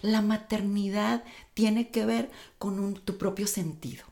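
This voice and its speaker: Animated northern Mexican woman. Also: medium pitch, unhurried, creaky. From Tamaulipas, Mexico. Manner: animated storyteller, many fillers. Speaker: podcast guest. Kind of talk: casual podcast chat.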